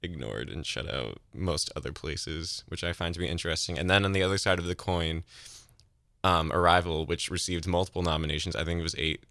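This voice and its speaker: A man's voice: low-pitched, brisk, gravelly, bright, forceful tone, no echo, studio quality. A man co-hosting a casual film chat, talking thoughtfully with trailing restarts. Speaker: co-host. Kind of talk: casual chat about films.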